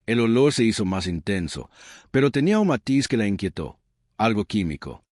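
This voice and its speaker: A man's voice: fairly low pitch, darkish tone, dry recording, clean studio sound. A man reading a dramatic story as narrator, with suspenseful delivery.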